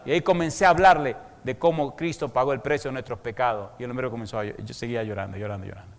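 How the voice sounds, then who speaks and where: A man's voice: medium pitch, quick pace. A man preaching as a pastor, telling a story dramatically and speaking bluntly. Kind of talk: evangelistic sermon. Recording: long hall reverb.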